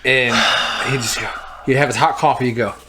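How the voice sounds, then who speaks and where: A man's voice: mid-range voice, fairly quick, background noise. A man co-hosting a podcast, telling work stories in casual chat and laughing as he goes. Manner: animated, laughs through his stories. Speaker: podcast co-host.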